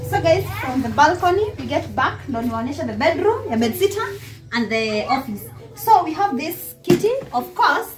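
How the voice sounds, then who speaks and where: Against a noisy background, a chatty young Kenyan woman tours her small apartment, indoors and on the balcony, speaking at normal speed in a high voice. She's lively, laughs often and talks straight to the camera in a mix of English and Swahili, shot on a handheld phone.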